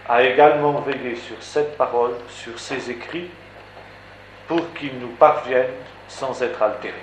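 Male preacher, emphatic and rhetorical, stacks repeated phrases; echoey room, faint hiss. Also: medium pitch. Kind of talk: sermon teaching.

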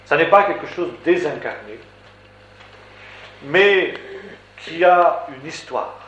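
A man's voice: fairly high pitch, expressive, slow pace, fairly bright tone, muffled recording. Male preacher, emphatic and rhetorical, stacks repeated phrases; echoey room, faint hiss. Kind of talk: sermon teaching.

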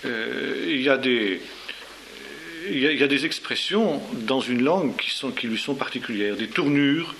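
A man talks through a lecture in a halting, informal way. He stacks up fillers and repeated words and often checks in with his listeners. His voice sits at an average pitch over a faint tape hiss. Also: a bit bright. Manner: hesitant, many fillers and repeated words, tag questions.

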